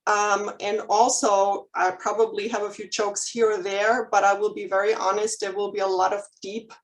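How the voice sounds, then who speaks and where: The recording is rough as this licensed counselor, a German-accented woman in her forties, presents candidly to a live chamber of commerce audience. Her mid-range voice is flat and at normal speed, and she often says "um," restarts, and uses nervous humor.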